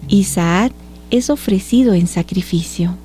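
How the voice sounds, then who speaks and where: A woman announcing scripture readings and reciting responses in a calm liturgical manner. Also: mid-range voice, measured pace, faint music behind. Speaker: liturgical reader.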